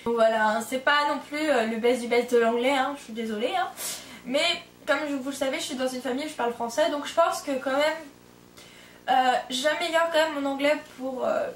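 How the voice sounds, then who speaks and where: High-voiced young woman, chatty vlog. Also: brisk, slight background noise. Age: 20s. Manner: rambling, many fillers and self-corrections. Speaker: au pair vlogger. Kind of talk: casual vlog chat. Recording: roomy echo, distant from the mic.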